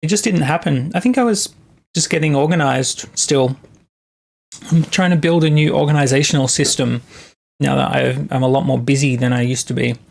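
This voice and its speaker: Working on tracks during a live stream, a young adult producer talks with viewers in a halting, think-aloud style. The voice is mid-range, gravelly, and a little mellow.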